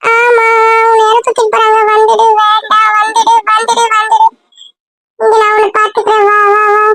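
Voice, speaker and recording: A woman's voice: extremely high pitch, monotone, moderate pace, sharp tone, voice pushed up, exaggerated voice. A woman voicing a small clingy boy who pleads again and again in short repeated words. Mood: pleading. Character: small boy, crying and clingy, begging her to come.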